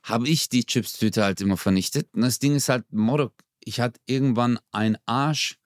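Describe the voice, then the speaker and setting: A man's voice: medium pitch, normal speed, no echo. Young guy, slangy jokey podcast chat, dry close mic. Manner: joking, slangy, animated storytelling. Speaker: podcast co-host. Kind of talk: casual comedy chat.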